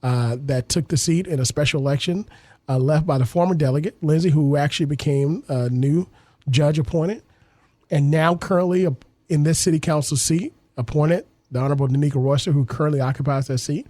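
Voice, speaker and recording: A man hosts a local radio talk show. He speaks earnestly in a slightly raised pitch. His voice is dry and close to the studio microphone. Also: a little fast, warm tone, no room sound. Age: 30s. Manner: earnest, civic-minded, repeats words while thinking. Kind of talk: radio interview and commentary.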